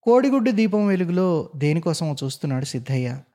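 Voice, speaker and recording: A man narrating a story in an expressive, dramatic reading. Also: fairly high pitch, a little fast.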